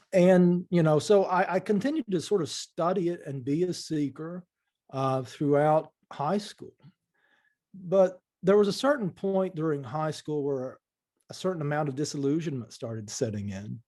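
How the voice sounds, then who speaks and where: A man from eastern Kentucky with an Appalachian accent, reflecting as a podcast guest in a thoughtful, halting way. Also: a little high, dark tone. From eastern Kentucky, USA. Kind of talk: reflective interview talk.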